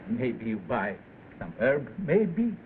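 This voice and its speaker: A very old, evasive shopkeeper speaks broken English, his pitch lively and jumpy. It is 1930s film acting in clipped phrases. The soundtrack is thin and noisy. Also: slow, narrow, tinny audio. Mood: stubbornly evasive. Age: older. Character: very old, evasive Chinese herb seller.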